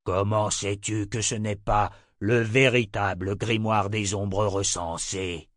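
A cruel, menacing emperor, as a man reading the audiobook puts him on, drags out every threat slowly. His timbre sounds hollow and strange against the narration. The voice sits low and dry in a close, deadened room. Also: steady tone, no room sound. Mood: cold. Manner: slow, drawn-out threatening delivery.

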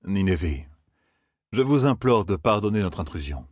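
A man plays a graceful young nobleman who charms with a soft, low, smooth voice in an audiobook. He pleads politely and sounds ingratiating. The sound is dry and close. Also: sing-song, moderate pace, dry recording, full character voice. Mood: charming. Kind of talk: audiobook character voice.

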